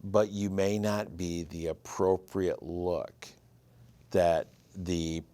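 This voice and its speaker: Deep, steady and dark, this fifties-aged man's voice moves at a slow pace with no room sound. A writer and producer from Michigan, he chats as an interview guest, spinning his story in a relaxed, casual manner.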